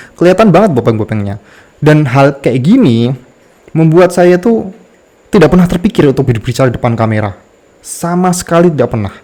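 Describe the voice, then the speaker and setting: Male content creator, medium pitch, slight lisp on r, candid and self-deprecating personal storytelling. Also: warm tone. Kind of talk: personal story told to camera.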